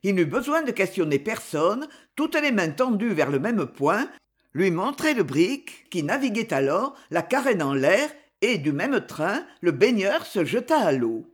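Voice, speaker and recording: A narrator reading a classic children's story aloud with expressive storytelling. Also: medium pitch, unhurried, breathy edge.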